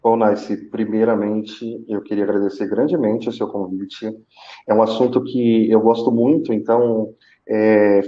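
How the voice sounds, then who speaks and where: Speaking Portuguese with a Brazilian accent, this Brazilian man, a senior manager at a call center, shares his own story as a live interview guest. The account is conversational yet halting, full of pauses and repeated words. His voice sits lowish and mellow, captured in a muffled recording.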